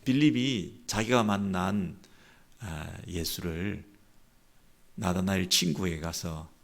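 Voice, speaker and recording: A male pastor delivers a dawn sermon, reading scripture aloud and then retelling it as lively spoken dialogue. His voice sits low and carries a gravelly rasp, and he swings from quiet asides to loud, raised-pitch quotations. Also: takes it slowly. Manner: acts out quoted dialogue with lively shifts in pitch and loudness. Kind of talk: sermon at a dawn prayer service.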